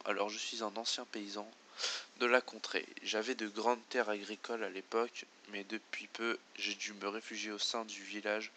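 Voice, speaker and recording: A man voicing a rustic old farmer turned horse breeder in a video game, loud and folksy with bumbling speech. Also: on the low side, a little hiss or hum.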